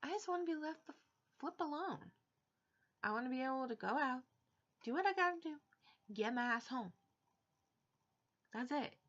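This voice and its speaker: Her voice is high and fairly bright, with lively intonation, normal speed and long pauses, as this young woman vlogs frankly and with exasperation. She makes blunt asides from her bedroom, recorded indoors by a desk webcam in dull, lo-fi quality.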